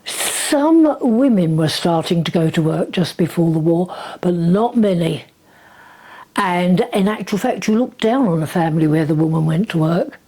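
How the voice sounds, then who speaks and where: A woman's voice: on the low side, expressive, normal speed, dark tone, rough recording. A very old woman in her nineties with a southern English accent, reminiscing chattily and wryly in casual conversation. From southern England. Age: 90s, very old woman. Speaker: interviewee.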